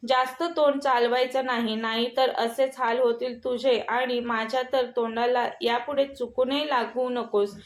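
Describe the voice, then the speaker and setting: A woman's voice: on the high side, fairly even intonation, unhurried, hardly any pauses, echoey room, close to an everyday voice. Woman voicing a cruel rich mother-in-law. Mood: taunting. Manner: taunting, scolding.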